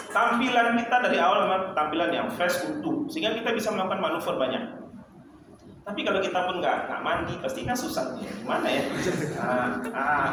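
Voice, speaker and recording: A man leading a lively training session for mentors, asking the audience questions and often laughing. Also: high voice. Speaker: Islamic teacher training mentors. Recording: echoey hall, distant mic, noisy.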